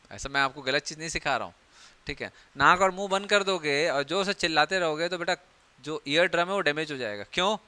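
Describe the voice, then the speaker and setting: A man's voice: fairly high pitch, sharp tone, clear, resonant tone, dry recording. A young man teaching biology in a chatty, joking classroom lecture, acting out everyday scenes.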